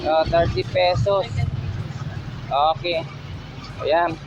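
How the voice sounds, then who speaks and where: A man with a Filipino accent vlogs a casual walk through outdoor stalls, chatting, asking vendors for prices, and calling his viewers friends. His voice is on the high side with fairly even intonation and drawn-out words, recorded muffled over a noisy background.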